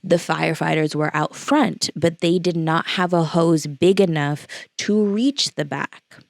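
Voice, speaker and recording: Low, gravelly young woman telling a story. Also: steady tone, measured pace, no room sound. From Los Angeles area, California. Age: late 20s. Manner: casual, filler-heavy retelling with quoted dialogue. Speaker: vlogger. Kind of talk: storytime vlog.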